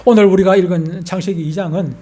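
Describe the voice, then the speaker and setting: A man's voice: high voice, fairly even intonation, fast, warm tone. An older man, a pastor with a Gyeongsang accent, preaching a sermon in a folksy way and putting questions to the congregation. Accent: Gyeongsang Korean.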